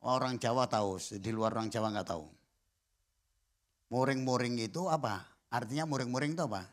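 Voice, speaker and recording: A middle-aged man preaching a church sermon, chatting with the congregation through teasing questions and swinging from soft asides to loud emphatic bursts. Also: mid-range voice, fairly quick. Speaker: pastor. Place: church service.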